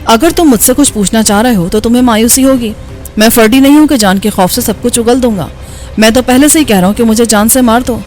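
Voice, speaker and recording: A woman's voice: a little high, a little mellow, faint music behind, lightly acted. A woman voicing a wounded, defiant male assassin in an audiobook, speaking weakly and with bitter sarcasm. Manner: weak, bitter and mocking.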